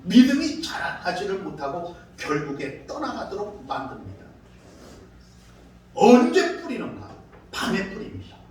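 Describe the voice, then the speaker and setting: A man preaching a sermon as pastor, telling stories in an animated way and acting out quoted voices. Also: sits high, unhurried, a little hiss or hum. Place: church sanctuary. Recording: very echoey hall, far from mic.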